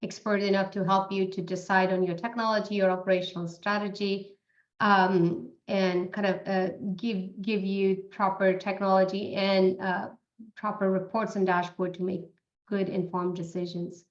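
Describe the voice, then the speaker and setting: Woman, webinar speaker, hesitant, restarts, flat tone, muffled call audio. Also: mid-range voice, moderate pace. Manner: hesitant, many fillers and restarts. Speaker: guest speaker. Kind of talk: webinar presentation.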